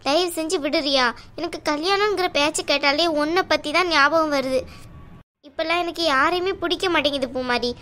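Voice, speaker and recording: A woman's voice: high voice, a little fast, pushed and bright. A woman voicing a stubborn, educated working young woman in a cartoon, arguing bluntly with her sister. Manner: argumentative, blunt. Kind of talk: cartoon dialogue.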